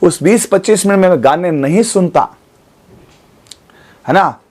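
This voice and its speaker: Male coaching teacher in his forties, light high voice, coaxing classroom manner, studio lesson. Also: lively intonation, measured pace, darkish tone. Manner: coaxing, keeps checking with students. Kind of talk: exam coaching class lecture.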